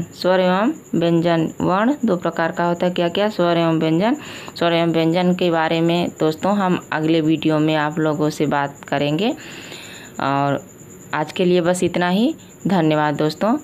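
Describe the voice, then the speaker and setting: Indian woman teacher, bit low voice, repeats every point, quizzes then answers herself. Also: a little hiss or hum. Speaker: Sanskrit teacher. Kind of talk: exam-prep lesson with call-and-response questions.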